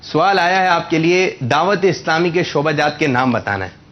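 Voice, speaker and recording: A man's voice: on the high side, expressive, dull audio. A man hosting a religious quiz show for children, patiently correcting and repeating their answers.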